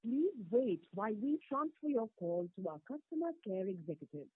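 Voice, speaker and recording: A woman's voice: a little high, very animated, normal speed, breathy edge, no echo. A woman's recorded phone message, a formal scripted greeting played to callers on hold. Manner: evenly paced formal announcing. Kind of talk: scripted announcement. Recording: tinny phone line.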